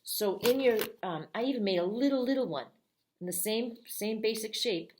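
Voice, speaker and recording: A woman's voice: on the high side, normal speed, a little mellow, a little hiss or hum. A woman librarian giving a friendly, step-by-step craft tutorial for kids. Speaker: children's librarian.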